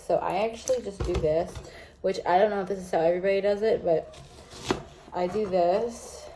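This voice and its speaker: A woman's voice: mid-range voice, normal speed, dark tone, a little hiss or hum. A woman vlogger chatting casually while cooking at home, rambling with lots of fillers. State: teary from chopping onions. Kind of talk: casual cooking vlog chat. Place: home kitchen.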